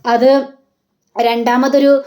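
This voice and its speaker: A woman voicing a tearful young daughter-in-law who answers hesitantly and softly. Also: high-pitched, little pitch movement, very slow. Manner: hesitant, soft, pleading.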